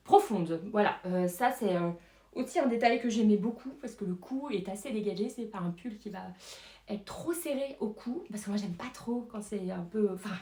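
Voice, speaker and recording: A woman's voice: mid-range voice, moderate pace, dark tone, echoey room. A woman chatting casually through a knitting pattern review, hesitant, with many fillers and small laughs. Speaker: knitting vlogger.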